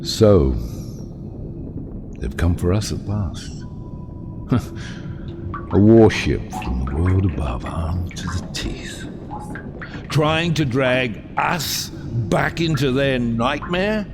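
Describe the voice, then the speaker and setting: An actor playing a brooding, defiant middle-aged submarine captain in a cinematic audio drama, grave, theatrical and deliberate, with loud music under him. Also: male voice, on the low side, expressive, background noise, exaggerated voice. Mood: defiant, menacing.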